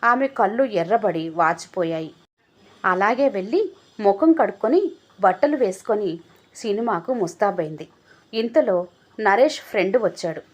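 A woman's voice: medium pitch, lively intonation, normal speed, long pauses. Woman narrating an audio story.

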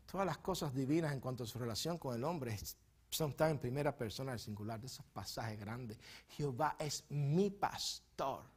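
A man preaching a sermon as pastor in a church, moving between quiet teaching asides and loud, fervent bursts, often stumbling and repeating words. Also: fairly quick, husky. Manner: swings from soft, low teaching asides to loud, high impassioned preaching.

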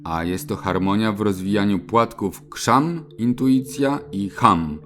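A man giving a solemn, measured scripted narration as a spiritual teacher. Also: fairly low pitch, a bit bright. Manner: slow, measured, solemn delivery.

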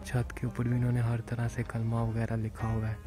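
A man's voice: mid-range voice, monotone, brisk. A man from Pakistan casually narrating a walking tour of a large mosque, slipping English phrases into his talk, speaking from behind a handheld camera. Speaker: vlogger. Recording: music playing behind.

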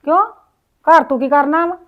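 A woman's voice: sits high, moderate pace, narrow, tinny audio, close to an everyday voice. A woman acting a lonely, grieving old grandmother who sighs, laments and talks to herself in a village drama. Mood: fussy chat. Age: older. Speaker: grandmother in a short film.

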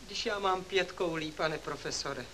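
A man's voice: a little high, pushed and bright, low-quality recording. A young student stammers and begs in a whiny, pleading voice, pretending his nerves are failing. The old 1939 soundtrack carries a light hiss. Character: young male student faking a nervous fit.

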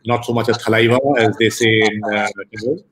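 A man's voice: lowish voice, flat delivery, fairly quick, fairly bright tone, a little hiss or hum, rough recording. A man interviewing a guest on a video call, steering with hesitant questions full of fillers. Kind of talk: casual conversation on a video call. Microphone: video call webcam.

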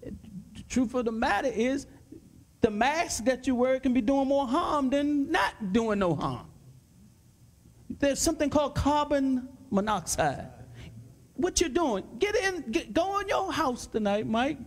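A man, a pastor, preaching fervently in a panel discussion and repeating his points with rising excitement. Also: very high-pitched, measured pace. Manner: fervent, repetitive exhortation; gets excited and loud.

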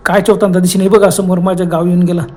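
A man's voice: sits high, level tone, very fast, darkish tone, close to an everyday voice. A man voicing an older village passenger who keeps asking questions and coaxing the travellers to stay the night. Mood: curious. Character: older male village passenger, kindly and curious.

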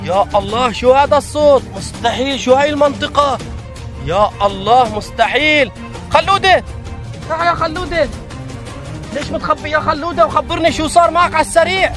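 A man plays an excitable father in a family skit, spilling out words in breathless, exclamatory bursts. His voice sits very high and moves fast. Music plays clearly behind him. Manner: breathless, exclamatory, keeps urging speed. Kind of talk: excited acted vlog narration.

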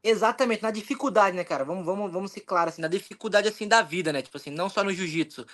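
A young man with a Brazilian Portuguese accent, telling his story in an animated, rambling way in a casual interview, acting out his own thoughts. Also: high-pitched, rapid-fire. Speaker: jiu-jitsu athlete, interview guest.

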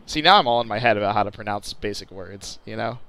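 A man's voice: lowish voice, fast, gravelly, pushed and bright. A man giving casual, chatty commentary over flight-sim gameplay, stumbling and correcting himself with jokey asides. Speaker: channel host.

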